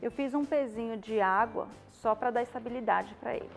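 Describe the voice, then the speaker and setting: A woman's voice: on the high side, moderate pace. A Brazilian woman in her thirties gives an informal hands-on tutorial, often adding short checking questions. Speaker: balloon decoration instructor. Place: indoor studio with balloon wall. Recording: music playing under the voice. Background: clear background music.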